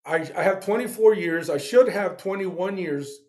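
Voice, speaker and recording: A man's voice: sits high, expressive, normal speed, darkish tone. A middle-aged man, a Navy veteran guest, telling his service story in a blunt, casual way, with swearing and acted-out dialogue.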